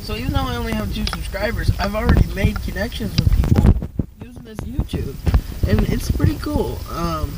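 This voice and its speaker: High-voiced young man, noisy recording. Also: lively intonation. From northern Maine, United States. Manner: rambling, hesitant, halting. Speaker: amateur video reviewer. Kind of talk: casual vlog chat.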